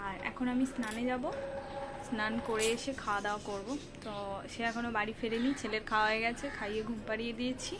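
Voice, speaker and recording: Young woman vlogging at home, chatty, high voice, noisy phone audio. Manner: chatty, talks straight to viewers. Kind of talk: casual home vlog narration. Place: at home, indoors and outdoors.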